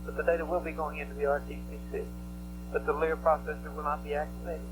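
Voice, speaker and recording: A man working as a network controller, giving halting, matter-of-fact technical reports over a headset radio loop. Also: on the high side, level tone, noisy background. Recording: humming 1960s mission control radio loop.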